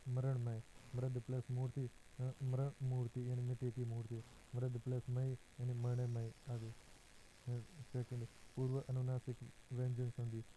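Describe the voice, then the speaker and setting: A man with a very dark, mellow voice gives a slow, methodical exam-prep grammar lesson. He speaks on an almost unchanging, flat pitch and often pauses on a drawn-out "a" as he works through each example. A faint hiss sits under the recording. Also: rough recording. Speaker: teacher.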